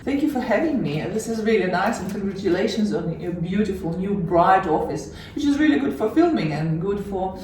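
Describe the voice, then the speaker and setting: As an interview guest, a middle-aged woman from Siberia recounts her life in a Russian accent, warm and reflective yet full of hesitations and frequent laughter. She speaks at a medium pitch, expressively and a little fast with few pauses, recorded at a distance in an echoey room with slight background noise.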